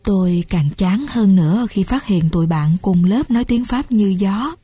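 A woman calmly reading a first-person novel aloud as an audiobook narrator. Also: medium pitch, moderate pace, faint music behind.

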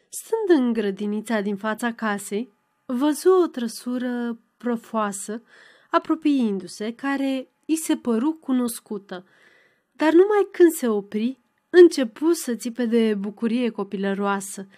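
A woman narrating a novel as an audiobook in a measured, even reading. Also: a little high.

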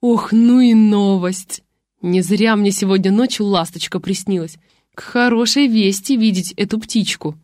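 A woman reading an audiobook voices a greedy young wife who squeals with excitement. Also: medium pitch, unhurried, no echo, clean studio sound, lightly acted. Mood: gleeful. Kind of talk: audiobook character voice.

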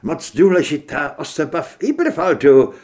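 A flustered, defensive gossip from a storybook, as a male narrator puts him on. His voice rises in protest with a lively pitch. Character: flustered gossiping middle-aged man.

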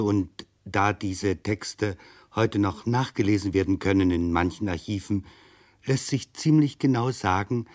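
Lowish-voiced man narrating reflectively. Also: a little mellow. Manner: reflective, explanatory. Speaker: commentator, second narrator. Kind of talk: scripted essayistic narration.

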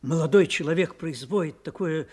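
Doctor Watson, husky, earnest companion. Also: male voice, a little high, moderate pace, a little mellow. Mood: concerned, astonished. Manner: earnest, concerned exclamations and questions. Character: loyal, anxious, earnest male doctor, detective's companion. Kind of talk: Russian audio drama acting.

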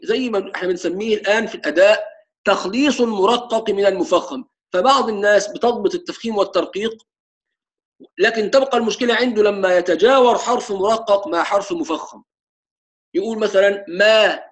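An Egyptian man with a high-sitting voice demonstrates tajweed out loud while teaching Quran recitation. Colloquial asides break up his formal Arabic, and he lingers on every letter he demonstrates, stretching it out slowly.

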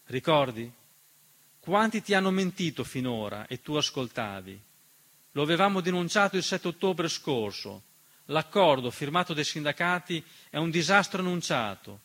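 Sharp in tone and on the high side, this man narrates a scripted stage monologue he also wrote and performs. He speaks declamatorily and accusingly, firing off rhetorical questions.

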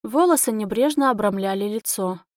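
A woman narrating a romantic fantasy audiobook in the first person, expressive and emotional. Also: medium pitch, moderate pace, no echo, clean studio sound.

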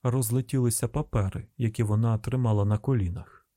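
A man narrating an audiobook in an even, measured way. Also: mid-range voice, no echo, studio quality.

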